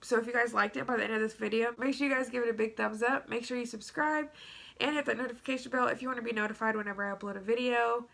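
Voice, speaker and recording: A woman's voice: fairly high pitch, fairly even intonation, rapid-fire, gravelly, fairly bright tone. A young woman with a stuffy nose telling a story to her vlog audience, chatty and rambling with lots of fillers. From Tennessee. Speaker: vlogger. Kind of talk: casual story-time vlog.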